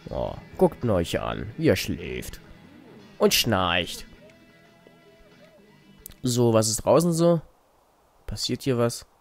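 A man's voice: fairly low pitch, wildly swooping pitch, slow, creaky, long pauses, soft background music. A man giving casual, wry commentary while playing a life-simulation game, muttering to the characters on screen. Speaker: let's play host.

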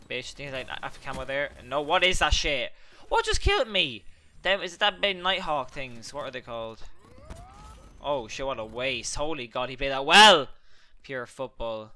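Bright-voiced young man commentating gameplay. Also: mid-range voice, a little hiss or hum. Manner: rambling, excitable, swears at opponents. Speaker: gaming channel host.

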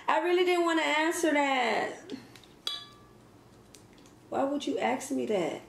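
This mukbang vlogger, in her thirties, has a high-pitched, gravelly voice that is expressive yet slow. She laughs a lot and talks between bites during a casual eating Q and A at home. A fixed camera across the table records her in an echoey kitchen with faint background noise.

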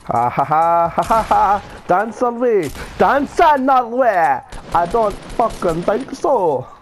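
A man gaming with friends, bantering casually in an excitable, sweary, mocking way. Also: high voice, slow, faint music behind. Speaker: gamer playing a team shooter with friends. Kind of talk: casual banter during gameplay.

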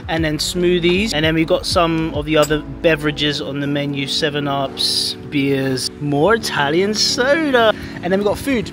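Music plays under this forties-aged man's fairly high voice as he talks at an ordinary speed. Filming himself handheld on outdoor cafe grounds, the vlogger rambles through his travel narration and pokes fun at himself.

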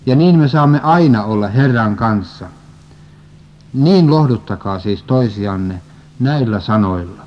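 A man steadily reading a religious prophecy story and scripture aloud, at an even pace, on a dull lo-fi recording. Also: mid-range voice, slight background noise. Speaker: reader.

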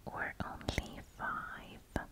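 A woman gives whispered ASMR game commentary in a soft, breathy voice, close to the microphone, gently murmuring to herself as she plays. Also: extremely slow. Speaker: gamer narrating gameplay.

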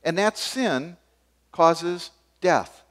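An older man preaching a sermon from a church pulpit, gesturing as he moves between forceful emphasis and sudden quiet asides. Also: fairly high pitch, expressive, extremely slow. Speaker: pastor. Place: church stage behind a wooden pulpit.

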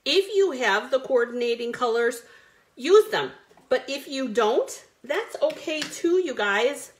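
A woman's voice: high-pitched, expressive, unhurried. A woman hosting a live card-making stream, chatty and bubbly, greeting viewers by name as she works. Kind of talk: live crafting stream chat.

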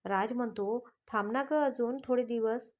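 Woman narrating a romantic story, slightly high. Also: moderate pace, a little mellow. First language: Marathi. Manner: reads all characters' lines in her own voice.

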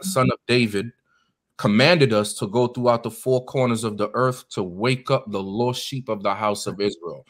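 A man's voice: mid-range voice, a bit bright. An American man, a deacon, preaching earnestly and directly to guests at a meeting, with many ums and uhs. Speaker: deacon leading a Bible study.

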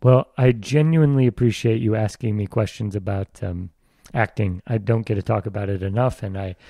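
A man's voice: fairly low pitch, a little fast, vocal fry, mellow, dry recording, studio quality. Reflective, self-deprecating man. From Iowa. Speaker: actor, podcast guest. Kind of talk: casual interview talk.

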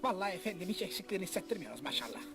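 A man doing comic voices in dubbing, joking quickly. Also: high voice, big pitch swings, over music.

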